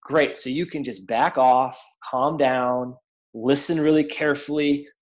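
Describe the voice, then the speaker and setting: A man working as a counselor, calmly explaining in an interview, speaking with frequent ums and uhs. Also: medium pitch, unhurried, poor audio. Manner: calm, many fillers, acts out quoted voices.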